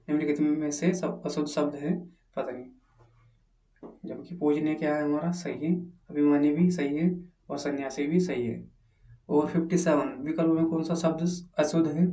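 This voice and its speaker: A man's voice: on the high side, darkish tone, distant mic. Male teacher solving exam questions in an echoey room. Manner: reads each question aloud, then asks and answers it himself. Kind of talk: exam answer walkthrough. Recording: echoey room, mic set back.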